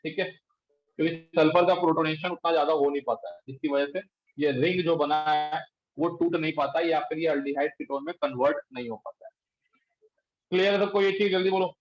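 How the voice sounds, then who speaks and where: A male chemistry teacher lecturing a class in speech, quizzing students and pushing them to answer quickly. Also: fairly high pitch, steady tone, soft background music. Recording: echoey room, dull lo-fi sound.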